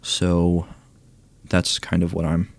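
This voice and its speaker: A young man commenting casually on a baseball video game, reading stats aloud and thinking out loud, hoarse as he loses his voice. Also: sits low, completely flat delivery, slow, no echo. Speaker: gaming YouTuber ranking cards.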